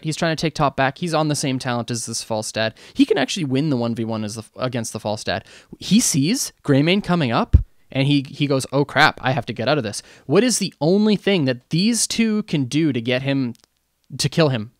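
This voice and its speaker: A man coaching a game team over voice chat, breaking down a replay in a casual, animated way and quizzing the players. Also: fairly high pitch, brisk, dry recording, studio quality. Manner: animated, asks the team questions, many fillers. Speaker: esports coach reviewing replays.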